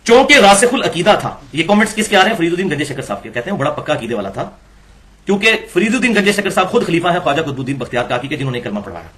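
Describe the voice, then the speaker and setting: A man's voice: on the high side, sing-song, fairly bright tone. A man giving an Islamic lecture, reading passages from books and challenging them with rhetorical questions. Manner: argumentative, rhetorical questions, critiquing texts. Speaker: religious lecturer.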